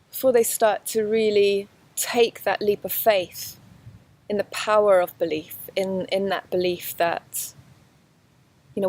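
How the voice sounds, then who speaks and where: A woman giving a spiritual course lesson outdoors in a forest, talking earnestly to the camera in a flowing way with frequent restarts. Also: medium pitch. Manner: earnest, flowing, with many restarts and soft laughs. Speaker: spiritual teacher. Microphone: camera facing the speaker.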